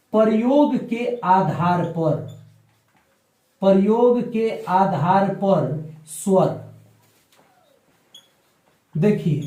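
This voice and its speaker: A male teacher giving a lecture, drawing out sounds slowly for his students and answering his own questions. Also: high-pitched, warm tone, roomy sound, low-quality recording. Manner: slow, drawn-out explanation, stretching out sounds for learners; asks the class questions and answers them himself. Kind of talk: classroom lecture.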